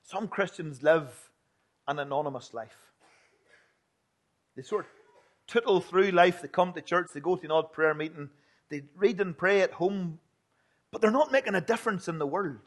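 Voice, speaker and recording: High-pitched Northern Irish man preaching. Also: normal speed, pauses often. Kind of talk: sermon.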